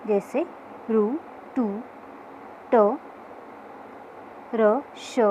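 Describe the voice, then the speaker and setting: A woman reading a grammar lesson as a teacher, explaining slowly and carefully and sounding out letters one by one. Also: mid-range voice, muffled recording. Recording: faint background noise.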